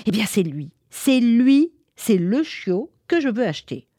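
A woman's voice: mid-range voice, sing-song, normal speed, dark tone, breathy edge, no echo, clean studio sound. A woman voicing a brave little boy with a limp, earnest and eager.

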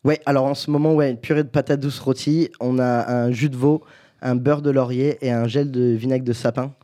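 Mellow-voiced chef, hesitant speech. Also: male voice, medium pitch, fairly even intonation, a little fast. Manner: hesitant, many fillers and restarts. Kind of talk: casual chat.

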